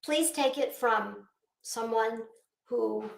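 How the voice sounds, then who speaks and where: A middle-aged woman, an online commentary vlogger, goes on an unscripted, rambling rant that's sardonic, scornful, and full of swearing. Her voice is on the high side, slow, with vocal fry, and the room sounds echoey.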